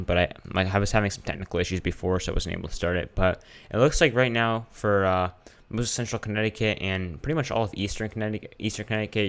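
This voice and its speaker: A man's voice: on the low side, clean tone. A man giving casual live weather commentary as a streamer, informal and hesitant, often thinking aloud as he checks his screen.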